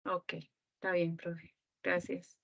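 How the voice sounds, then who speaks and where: A woman's voice: on the low side, monotone, takes it slowly, vocal fry, no room sound. Woman student, polite and hesitant, thinks aloud, close dry sound, muffled lo-fi audio. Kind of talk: asking questions in class.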